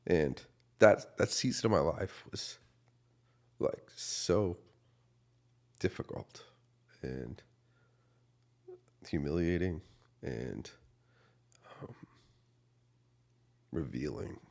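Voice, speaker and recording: Pastor guy in his 30s, really low gravelly voice, telling his story all earnest, gets quiet then loud. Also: animated, drawn-out words, pauses often. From United States. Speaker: associate pastor. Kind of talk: personal testimony in a podcast interview.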